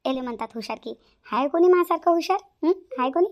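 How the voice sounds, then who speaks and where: A woman's voice: high voice, expressive, fast talker, muffled recording, a little hiss or hum. A woman voicing a lazy, scheming young woman who fakes illness in a whiny, drawling voice. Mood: gloating.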